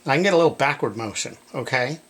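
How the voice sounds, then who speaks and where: A man working as a manual physical therapist, calmly explaining each step of a clinical demonstration in a treatment room and speaking gently to his patient. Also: mid-range voice, fast talker, rough recording.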